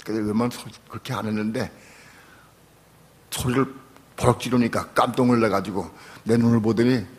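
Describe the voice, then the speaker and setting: An older man, a pastor, preaching a sermon and telling a personal testimony, moving from quiet storytelling to loud, pleading prayer. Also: lowish voice, steady tone, a little fast, long pauses.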